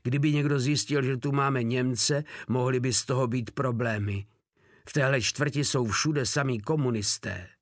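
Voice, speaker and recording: A man's voice: medium pitch, steady tone, no room sound, clean studio sound, close to an everyday voice. A man voicing a bold, brash young woman in a storybook reading. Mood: nervous.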